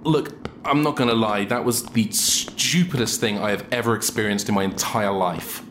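A man's voice: lowish voice, moderate pace, fairly bright tone, a little hiss or hum, lightly acted. A man playing an exasperated, sarcastic sidekick who stammers when flustered, in an audio drama.

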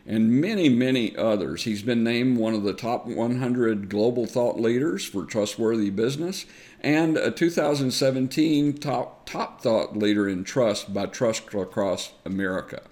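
A man's voice: mid-range voice, a little mellow. Chatty Southern US man hosting a show. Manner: chatty, upbeat, frequent uh fillers. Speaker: podcast host. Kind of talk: friendly conversational interview.

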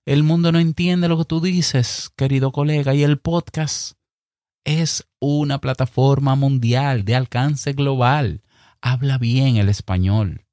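Give me a man with a Dominican accent, mid-pitched, giving podcasters direct, emphatic tips in a dry, close recording. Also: warm tone, no room sound. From Dominican Republic. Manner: emphatic, direct, speaks slowly and clearly on purpose. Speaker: podcast host. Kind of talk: advice talk to fellow podcasters.

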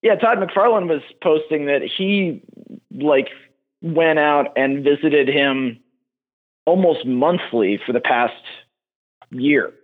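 Hesitant male caller on a tinny phone line. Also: on the high side. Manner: hesitant, halting, many restarts. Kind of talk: casual call-in chat.

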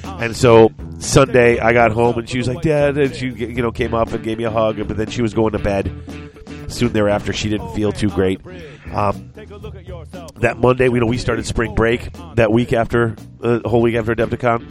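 A man's voice: medium pitch, little pitch movement, moderate pace, over music. A middle-aged man co-hosting a podcast in casual, rambling chat, congested and short of breath from a chest cold. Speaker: podcast co-host.

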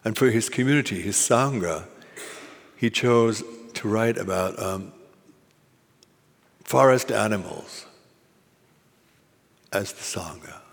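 A man's voice: fairly low pitch, lively intonation, slow, vocal fry, pauses often, in a large hall. A man giving an informal, musing dharma talk as a Zen teacher, with fillers and asides. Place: meditation hall at a retreat.

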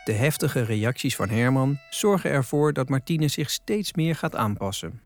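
A man narrating a documentary in a calm, measured, scripted way. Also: medium pitch, faint music behind.

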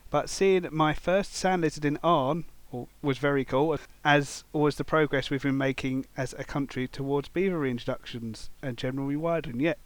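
A man's voice: a little high, fairly even intonation, normal speed, few pauses, dry recording. A man hosting a wildlife podcast in casual chat, jokey and self-deprecating, reading out listener messages. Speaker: podcast host.

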